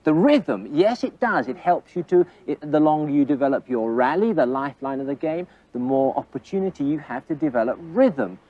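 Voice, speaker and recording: Male tennis coach, animated up-and-down delivery, coaxing questions, dull lo-fi TV sound. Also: on the high side, fairly quick, hardly any pauses. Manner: counts rally hits aloud. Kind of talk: on-court teaching demonstration. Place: tennis court. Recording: dull lo-fi old TV recording.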